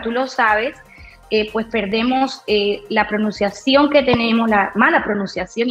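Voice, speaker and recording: Bold, lively woman in an echoey room. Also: on the high side. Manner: bold, lively, acts out quoted dialogue. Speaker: radio announcer, interview guest. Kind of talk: storytelling interview chat. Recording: roomy echo, dull lo-fi sound, faint music.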